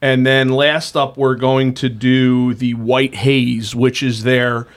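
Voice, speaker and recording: A man co-hosting a casual podcast, explaining slowly and deliberately with ums. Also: medium pitch, level tone. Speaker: podcast co-host. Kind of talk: casual tasting chat.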